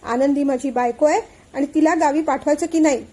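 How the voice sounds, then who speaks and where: A woman's voice: high voice, fairly quick, dark tone, natural voice. A woman voicing a bossy young husband. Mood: insistent. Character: young husband, playfully possessive, teasing.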